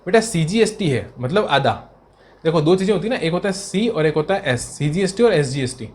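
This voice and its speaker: Lively male teacher. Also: brisk. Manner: lively teacher voicing imagined student replies in a lower, softer tone; addresses viewers as beta and sahab, asks and answers his own questions. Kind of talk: recorded exam revision lecture.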